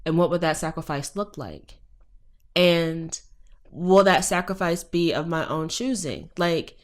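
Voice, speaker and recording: Low-voiced woman telling a frank, emphatic story. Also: unhurried. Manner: emphatic, frank and profane, building to impassioned rhetorical questions. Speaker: professor guest. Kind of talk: candid personal storytelling in a podcast interview.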